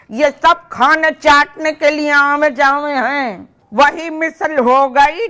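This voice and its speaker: In scripted comedy-drama dialogue, an older woman plays a mother who scolds and drops proverbs along the way. Her voice is high-pitched and bright, with a forceful tone.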